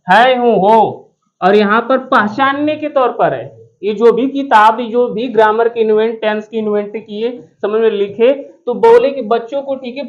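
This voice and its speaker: Male teacher, classroom grammar lesson, repeats questions for the class to answer, cracks jokes, slightly muffled audio. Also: extremely high pitch. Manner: repetitive question-and-answer drilling; joking asides to students. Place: classroom with students present.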